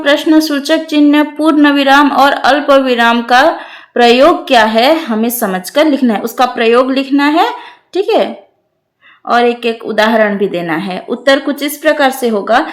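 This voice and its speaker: High-voiced woman teaching grammar. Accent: Odia. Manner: patient, checks in often with "ठीक है"; reads example sentences slowly. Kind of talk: explaining grammar homework answers.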